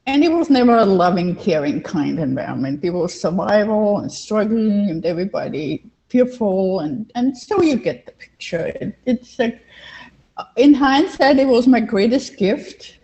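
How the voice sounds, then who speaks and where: An older Viennese woman, a native German speaker with an Austrian accent, shares her personal story as an interview guest and life coach, repeating phrases for emphasis. Her mid-range voice is expressive and mellow at a normal pace. The online call audio is dull and lo-fi.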